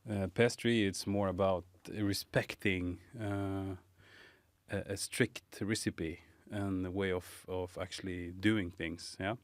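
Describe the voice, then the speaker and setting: Male podcast guest, low voice, smooth and clear, dry close sound; hesitant, reflective delivery. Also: fairly even intonation, no echo. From Morocco. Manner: thoughtful, halting, many fillers. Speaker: guest, pastry chef. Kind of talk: casual interview.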